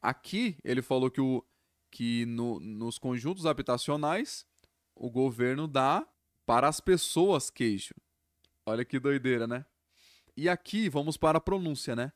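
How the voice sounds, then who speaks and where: Male English teacher from Brazil, slow and patient, mid pitch, dry close mic. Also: lively intonation, dry recording. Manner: slow, explains sounds step by step, repeats words. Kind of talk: pronunciation lesson.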